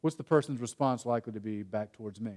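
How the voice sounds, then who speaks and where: A young man giving a lively conference workshop talk, telling funny stories to the room. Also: medium pitch, fast. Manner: animated storytelling, jokes with the audience. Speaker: workshop speaker. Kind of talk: conference breakout presentation.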